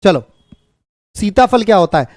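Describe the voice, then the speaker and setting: High-voiced brisk man teaching a class. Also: lively intonation, a little mellow, dry recording, studio quality. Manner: brisk, repetitive and teasing, scolds students jokingly. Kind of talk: online exam-prep class.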